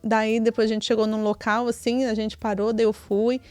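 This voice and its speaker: A woman's voice: on the high side, little pitch movement, moderate pace, darkish tone, no room sound, soft background music. A woman with a Brazilian Portuguese accent, a podcast co-host and mother, telling a family story in casual chat, often adding tag questions. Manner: chatty, many tag questions.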